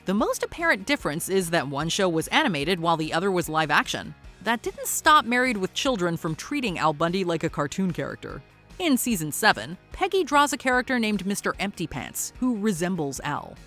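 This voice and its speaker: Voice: medium pitch, sing-song, brisk, bright, forceful tone, soft background music. A narrator reading a scripted countdown voice-over with wry commentary.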